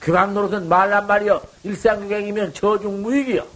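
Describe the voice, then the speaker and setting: A man giving a dharma talk to monks, folksy and colloquial, swinging from loud exhortation to low murmurs. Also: steady tone, brisk, poor audio. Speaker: Buddhist monk teaching.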